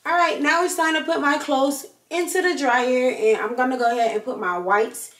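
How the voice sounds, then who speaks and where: A young woman chatting to camera in a casual home vlog, slangy and animated as she talks through her cleaning in her apartment. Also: sits high, moderate pace, loud music behind the voice. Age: young adult. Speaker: lifestyle vlogger. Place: apartment kitchen and living room, indoors. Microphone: handheld or propped camera at close range. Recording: echoey apartment room, faint ambience.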